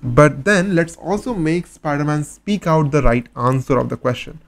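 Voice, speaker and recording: A man's voice: a little high, normal speed. A man teaching a step-by-step coding tutorial, patiently posing questions and then answering them himself. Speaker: coding instructor. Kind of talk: screen-recorded coding tutorial.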